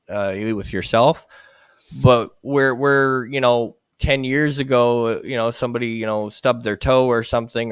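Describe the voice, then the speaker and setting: A man's voice: mid-range voice, smooth, no echo. A man talking casually as a guest, often restarting his sentences. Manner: halting, many restarts. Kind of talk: casual chat.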